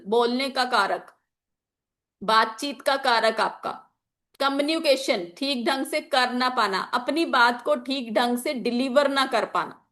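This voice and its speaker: This woman leads an online lesson about chakras and magical oils in a casual, example-filled style. Her voice is high and fairly bright, though a sore throat comes through, and she repeats key phrases while mixing in English words.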